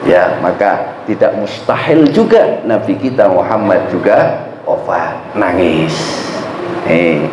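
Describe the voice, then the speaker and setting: A man's voice: low voice, slow pace, background noise. A man preaching a sermon in a mosque, telling stories with energy and often asking the congregation questions. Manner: lively storytelling, asks the congregation. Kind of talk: sermon storytelling. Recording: echoey, dull lo-fi mosque recording.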